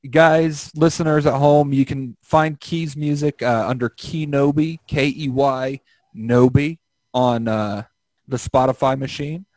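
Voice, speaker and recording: A man hosting a podcast, chatting casually, loud, crude and joking, over a remote call. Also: mid-range voice, steady tone, measured pace, no echo. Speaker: podcast host. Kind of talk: casual chat.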